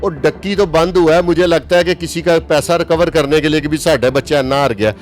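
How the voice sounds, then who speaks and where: Brief: emphatic Pakistani journalist, fifties, faint music behind. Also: male voice, fairly high pitch. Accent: Pakistani Urdu. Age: 50s. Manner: emphatic, opinionated, slows down to stress points. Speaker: journalist guest. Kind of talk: interview talk.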